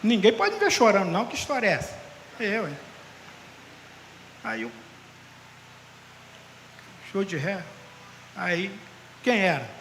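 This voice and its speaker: A male pastor, telling a story in a sermon as an animated storyteller. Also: sits high, unhurried, pauses often. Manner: lively, animated storyteller who acts out dialogue. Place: large church hall during an assembly. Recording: echoey hall with faint background noise.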